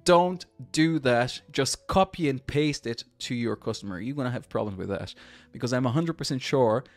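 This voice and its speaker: A man in his thirties with a Portuguese accent hosts a chatty screen-share tech tutorial, frequently repeating and restarting words. His mid-range voice is animated at a normal speed, recorded without echo.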